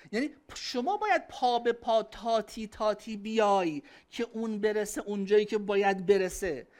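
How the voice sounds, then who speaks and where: A woman's voice: medium pitch, a little mellow. Emphatic woman giving a religious lecture. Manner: emphatic, conversational, acting out quoted voices. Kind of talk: religious lecture on family and parenting, taking audience questions.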